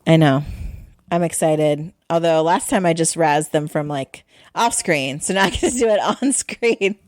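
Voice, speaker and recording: A woman's voice: deep voice, a little slow, darkish tone, no room sound, studio quality. A woman co-hosting a podcast, chatting in a rambling, self-deprecating way. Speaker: podcast co-host. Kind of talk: casual chat.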